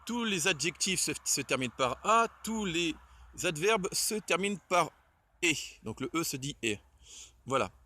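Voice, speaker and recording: Standing outside in the cold, a man presents the Esperanto alphabet in a relaxed lesson, trembling a bit. His fairly high voice is expressive, bright and forceful at a moderate pace, though he hesitates and keeps fixing his own words amid many fillers.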